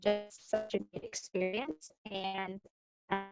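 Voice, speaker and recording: A woman's voice: medium pitch, fairly even intonation, slow pace, music in the background. A woman sharing on a group call from her cell phone. Her connection keeps cutting out, so her words break up and the endings get clipped. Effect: choppy, cutting-out connection with clipped word endings. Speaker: team member on a group call. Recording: distant, dropping cell phone line.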